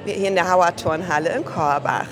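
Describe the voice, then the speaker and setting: A woman's voice: on the low side, a little fast. A woman interviewing people on site at an event in a friendly, chatty way. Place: event venue, a gym hall. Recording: crowd chatter at a busy event.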